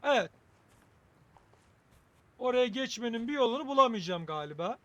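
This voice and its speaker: High-voiced man doing casual gaming commentary. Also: lively intonation, moderate pace, a bit bright, dull audio. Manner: wry, joking, thinking aloud. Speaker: gaming video host. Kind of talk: casual game playthrough commentary.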